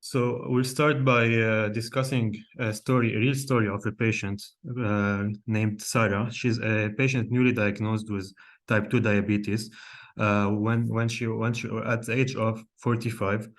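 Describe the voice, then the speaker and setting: A young Lebanese cardiologist gives a live online lecture over a video call, picked up by a computer mic. He sounds unhurried, low-ish and level, yet hesitant, with many fillers, restarts and questions to his audience.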